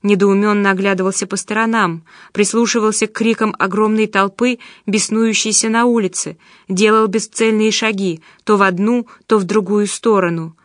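A woman reading an audiobook in steady, measured scripted narration. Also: medium pitch, no room sound, studio quality.

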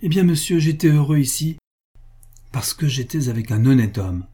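A loyal old-fashioned bookkeeper insists on his honesty to his master, voiced by a man reading a storybook. He sounds earnest and devoted, with a mellow, slightly husky tone. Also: fairly high pitch, expressive, moderate pace, pitched above the performer's own voice.

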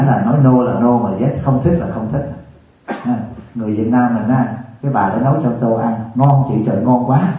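Vietnamese monk preaching in an echoey hall. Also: male voice, mid-range voice. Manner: colloquial, animated, rhetorical questions. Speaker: Buddhist monk teacher. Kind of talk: sermon. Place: retreat hall. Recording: distant, echoey, dull room recording.

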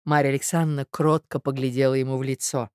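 A woman narrating a classic novel aloud in a measured, expressive way. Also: extremely low pitch, clean tone, no room sound, studio quality. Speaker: audiobook narrator. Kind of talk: literary audiobook narration.

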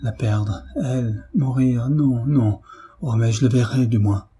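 A man's voice: medium pitch, unhurried, mellow, slightly rough. A man voicing a young man desperate with love, his speech pleading and breaking with emotion. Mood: anguished.

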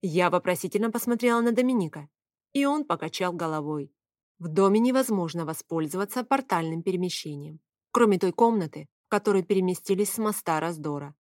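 A woman reading a first-person audiobook in a brisk storytelling manner, giving the characters their own voices. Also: lowish voice, lively intonation, dry recording, studio quality. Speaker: audiobook narrator.

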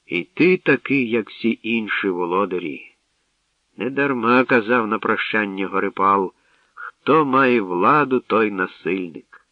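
A man's voice: on the low side, a little slow, no room sound, far from the mic, close to an everyday voice. A man doing a rueful old bard. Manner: reflective, sighing. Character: wise old male bard, sorrowful. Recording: dull dry studio recording.

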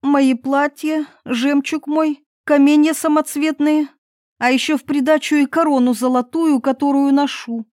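A spoiled young princess, high and eager, as a woman puts her on. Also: fairly even intonation, a little slow, a little mellow, no echo, studio quality.

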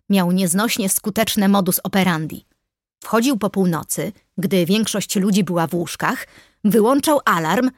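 A woman's voice: medium pitch, no echo. A woman narrating an audiobook in the first person, in a dry, wry manner, close to the mic. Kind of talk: scripted narration.

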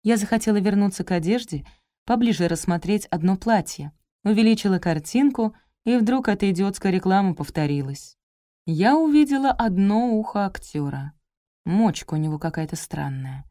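A woman narrating a detective audiobook in the first person, measured and dryly ironic. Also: medium pitch, expressive, dark tone, no room sound, studio quality.

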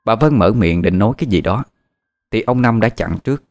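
Man, horror story narration, suspenseful, animated low voice. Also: a little fast, soft background music. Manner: dramatic, suspenseful reading.

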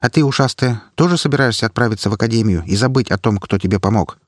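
A man's voice: lowish voice, fast talker, no room sound, studio quality, voice pushed up, lightly acted. A man voicing Irina, a proud, fierce young noblewoman who speaks curtly and defiantly. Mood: bitter. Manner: curt, defiant.

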